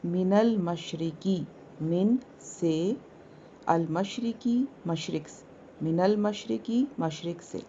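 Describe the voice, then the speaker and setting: A woman teaching a word-by-word translation lesson, saying each word slowly and repeating its meaning. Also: fairly low pitch, warm tone, muffled recording, a little hiss or hum. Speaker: Quran teacher.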